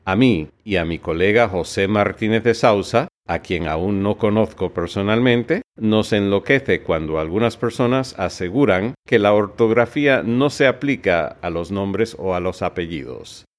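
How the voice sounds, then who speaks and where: A man hosting a podcast, reading his script in a measured, precise way. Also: on the low side, expressive. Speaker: podcast host.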